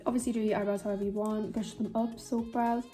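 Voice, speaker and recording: A woman's voice: medium pitch, level tone, quick pace, over music. Chatty Geordie woman doing makeup. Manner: chatty, rambling, self-mocking. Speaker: beauty vlogger. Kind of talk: casual chat while doing makeup.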